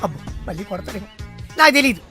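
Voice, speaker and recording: An actor playing a harried young man in a film comedy, shrill and exasperated with everyone around him. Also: big pitch swings, fast, sharp tone, faint music behind, exaggerated voice. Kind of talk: Telugu film comedy acting.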